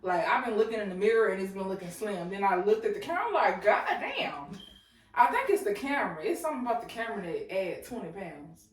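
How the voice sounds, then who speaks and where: Talking quickly and with animation, a late-twenties woman co-hosting a podcast keeps the conversation loose, full of stories and laughter. Her voice is mid-range, and the recording comes from a distant mic in an echoey space.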